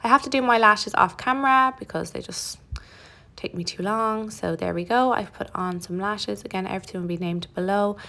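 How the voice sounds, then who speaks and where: A young woman talks through her makeup routine in a relaxed, chatty tutorial voice. There's a touch of vocal fry and grit in her tone, and she drops in easygoing, self-deprecating asides. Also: medium pitch, brisk. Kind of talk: casual narrated tutorial.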